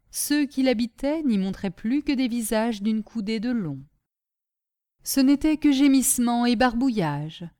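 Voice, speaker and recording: Mellow-voiced woman narrating a classic tale. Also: on the high side, no room sound, clean studio sound. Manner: measured storytelling. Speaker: audiobook narrator. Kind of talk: scripted narration.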